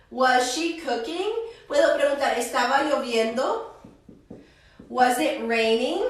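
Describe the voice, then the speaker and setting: A woman English teacher on a live stream, switching between Spanish and English and slowing down for example sentences. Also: high-pitched. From United States. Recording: echoey room, voice a little far from the mic.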